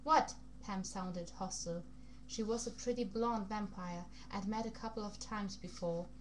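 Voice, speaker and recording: A woman's voice: mid-range voice, fairly even intonation, normal speed. Casting: woman, amateur audiobook-style reader, put-on foreign accent, occasional stumbles, slight hum and noise on the recording. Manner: stumbles over words and rereads phrases. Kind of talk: amateur reading aloud of a vampire novel. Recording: noisy recording with background hum.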